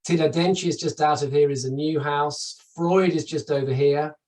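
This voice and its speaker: A man's voice: a little high, steady tone, normal speed, darkish tone. Man, middle-aged, from the UK, webinar presenter, chatty and enthusiastic, slightly distant from the mic. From United Kingdom. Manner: chatty, enthusiastic, with restarts and asides. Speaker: travel company presenter. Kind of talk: webinar presentation over slides.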